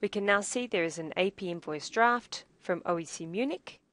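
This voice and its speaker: A woman with a medium-pitched voice presents a scripted software tutorial, narrating in a measured, explanatory way.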